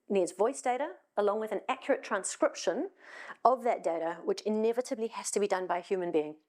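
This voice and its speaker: With a medium-pitched, darkish voice and a South African accent, this middle-aged woman addresses a hall from the stage. She's a conference speaker whose talk is conversational, peppered with wry asides and plenty of ums.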